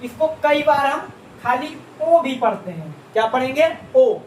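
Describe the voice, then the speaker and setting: Big pitch swings mark this man's extremely high voice as he slowly walks beginners through Japanese script, asking questions, answering them himself and patiently repeating sounds. Recorded from a distance in an echoey room, it carries faint ambience and slight background noise.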